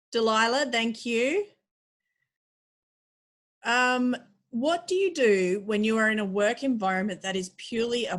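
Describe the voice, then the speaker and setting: Casting note: woman moderator, polite and measured, slightly high voice. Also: a bit bright. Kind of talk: reading audience questions.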